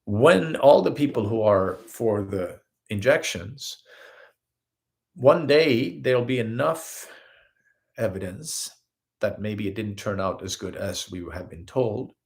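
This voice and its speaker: This Swedish healer and host speaks slowly in a fairly low, gravelly voice with a Swedish accent. His live-streamed spiritual talk is earnest and animated, dotted with little quoted scenes he acts out.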